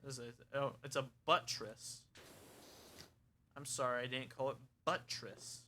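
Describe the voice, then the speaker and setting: Bright-voiced young man rambling on stream. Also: mid-range voice, little pitch movement, measured pace, a little hiss or hum. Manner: rambling, opinionated, frank. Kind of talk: casual gameplay stream chatter.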